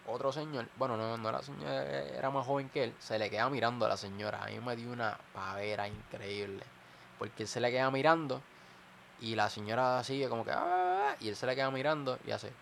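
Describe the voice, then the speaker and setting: A man's voice: mid-range voice, creaky, a bit bright, a little hiss or hum. A man in a casual chat, telling a story animatedly and acting out the people in it.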